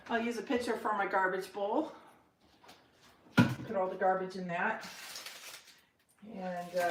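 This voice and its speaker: A woman talks her way through cooking in a home kitchen, unhurried and wandering from thought to thought with little self-deprecating jokes. Her voice sits a step away from the mic and rings off the kitchen walls, with a faint hiss underneath. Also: mid-range voice. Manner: rambling, chatty, self-deprecating asides. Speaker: home cook vlogger. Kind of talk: casual live cooking chat. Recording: roomy, distant kitchen sound with faint noise.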